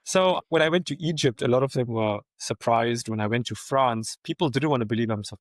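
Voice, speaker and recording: A man from South Africa with a South African accent, a guest in a casual interview, telling lively anecdotes and laughing often. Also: medium pitch, fairly quick, dry recording.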